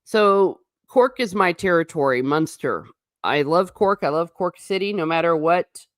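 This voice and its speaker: Reading out and replying to chat comments on a casual livestream, this woman from the United States rambles wryly off on tangents and often restarts what she's saying. She speaks on the low side, expressively and a little slowly. The studio-quality recording has no echo.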